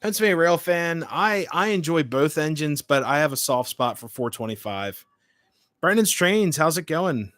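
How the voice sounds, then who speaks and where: A man's voice: fairly high pitch, animated, moderate pace, fairly bright tone, dry recording, studio quality. A man in his late twenties hosting a livestream, chatting informally and hopping between short remarks as he answers comments. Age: late 20s. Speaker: livestream host. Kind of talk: casual livestream chat, reading and answering comments.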